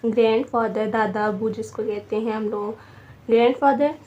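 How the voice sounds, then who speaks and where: A woman teaching a beginner vocabulary lesson, repeating each word slowly and spelling it out syllable by syllable. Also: fairly high pitch, fairly even intonation, dark tone, highs cut off. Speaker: language teacher.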